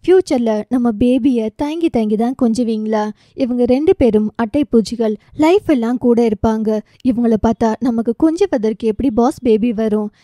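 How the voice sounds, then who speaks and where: A cheeky young woman in an audiobook romance throws out playful, affectionate banter, voiced by a woman reader. Her voice is dark and mellow yet pitched a little high, close to the mic in a dry sound. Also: moderate pace, no echo, natural voice. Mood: teasing.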